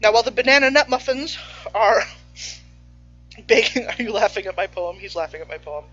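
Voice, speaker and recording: In a slightly muffled recording with faint music, a baking show host streams casually from her home kitchen, playful and chatty and occasionally speaking with her mouth full. Her voice is a little high, fairly bright, and slightly rough, with lively intonation at a moderate pace.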